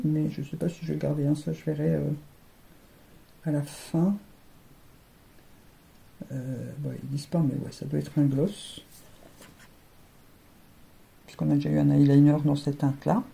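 Casual woman vlogger, low-pitched and warm, trips over words, faint noise. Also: vocal fry. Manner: chatty, stumbles and repeats words. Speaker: beauty vlogger. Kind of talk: casual chat unboxing advent calendars.

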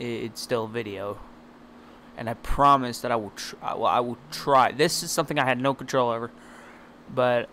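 A man opens his gaming video in a halting, apologetic voice, stopping and restarting as he goes. His pitch sits in an ordinary middle range. A faint background noise runs under him. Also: a bit bright. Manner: hesitant, apologetic, stammering. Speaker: channel host. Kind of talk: spoken intro to a gaming video.

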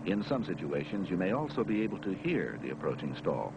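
A deep-voiced American man narrates an instructional film with emphatic, brisk delivery and lively rising and falling intonation. The track is an old 1970s film recording with noticeable background noise and the high frequencies cut off.

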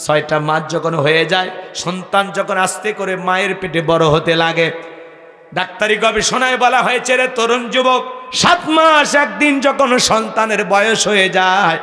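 A man's voice: sits high, measured pace, pushed and bright. A man preaching an impassioned sermon, telling a story with an emotional, sing-song delivery. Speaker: Islamic preacher. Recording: echoey hall, long reverb.

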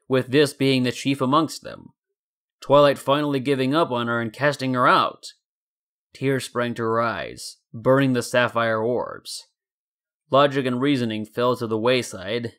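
A man with a medium-pitched, fairly bright voice narrates a scripted story in a dramatic reading style. He is a narrator and fan fiction reader.

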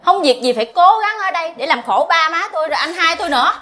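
An actress playing a sharp-tongued, scornful young sister-in-law with a Southern Vietnamese accent, taunting. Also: female voice, very high-pitched, lively intonation, fast, full character voice.

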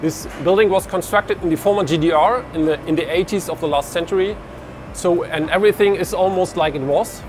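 A man's voice: high voice, fairly quick, over music. A man, giving a walking tour of an industrial hall and explaining with his hands as he talks into a lapel mic. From Germany. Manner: explains with hand gestures, frequent restarts. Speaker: researcher giving a lab tour. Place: large industrial hall, indoors.

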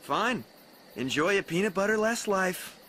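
A man's voice: high voice, lively intonation, a little slow, bright, forceful tone, a little hiss or hum, full character voice, low-quality recording. A man voicing a cocky, sarcastic teenage punk boy in a cartoon, teasing, with music behind. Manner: teasing, sardonic. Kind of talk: animated cartoon acting. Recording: cartoon soundtrack over music.

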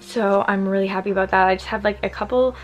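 A woman's voice: medium pitch, fairly even intonation, quick pace, reverberant, faint music behind, poor audio. A woman in her twenties chatting casually to camera in a home kitchen, upbeat and full of "like". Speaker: vlogger. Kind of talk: casual vlog chat.

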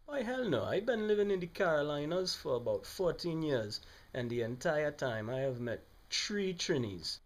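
Brash high-pitched Southern redneck. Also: male voice, big pitch swings, normal speed. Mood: scornful, folksy. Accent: American Southern. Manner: folksy, heckling, crude. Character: brash, cantankerous Carolina redneck good old boy. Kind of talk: comedy sketch. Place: living room, on a sofa.

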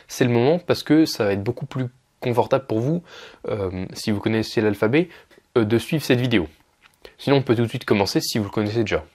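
A young man explaining Russian pronunciation in a relaxed video lesson, with frequent fillers and restarts. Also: mid-range voice. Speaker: Russian language teacher.

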